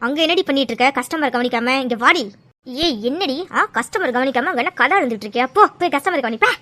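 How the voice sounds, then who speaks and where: Woman voicing a bossy cartoon shop owner, scolding, shrill, high bright voice, fast, dry. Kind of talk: cartoon dialogue.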